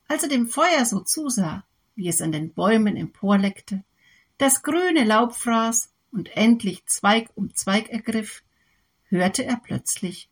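A woman reading a fairy tale aloud in slow, lilting storybook narration. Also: mid-range voice, breathy edge.

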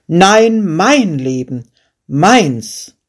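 A storyteller voicing a proud, angry king in a fairy tale, who shouts his commands. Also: medium pitch, takes it slowly, close to an everyday voice. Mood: furious. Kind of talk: storybook character voice.

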